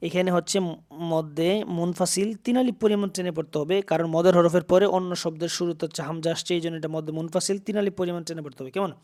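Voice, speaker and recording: A man teaching Quran reading, spelling out syllables and chanting verses slowly between quick explanations. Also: on the high side, steady tone, darkish tone.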